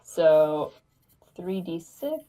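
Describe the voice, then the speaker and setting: A woman playing a tabletop roleplaying game, calmly working through her turn and counting dice aloud. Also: on the low side. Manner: unhurried, adds up dice aloud. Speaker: player. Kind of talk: casual tabletop game play.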